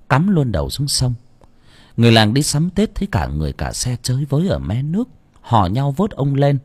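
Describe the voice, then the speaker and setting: A man narrating an audiobook with expressive, lively storytelling. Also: mid-range voice, slightly rough, no room sound. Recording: dry close mic with faint background music.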